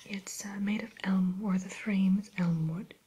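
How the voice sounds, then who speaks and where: A woman's voice: mid-range voice, steady tone, dark tone. Woman playing a whispering, haughty Evil Queen. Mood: genteel, disdainful. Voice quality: breathy whisper. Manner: genteel, aloof, unhurried, hesitant pauses. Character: haughty evil fairy-tale queen turned mirror shopkeeper. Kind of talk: whispered ASMR roleplay.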